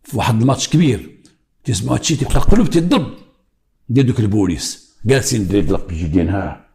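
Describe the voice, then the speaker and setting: An older man with a Moroccan accent, a retired police investigator telling a true crime story with dramatic pauses and imitated heartbeats. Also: fairly low pitch, lively intonation, gravelly, a little mellow.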